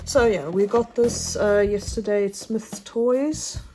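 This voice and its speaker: A woman's voice: medium pitch, slow pace, music in the background. A woman chatting casually in a craft vlog, hesitant and full of fillers. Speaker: craft vlogger. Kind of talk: casual unboxing chat.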